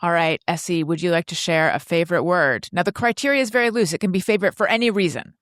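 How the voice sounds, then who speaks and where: A woman hosting a podcast in a brisk, playful way, reading out plugs and bantering. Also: fairly low pitch, a bit bright, dry recording. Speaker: podcast host. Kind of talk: casual chat and announcements.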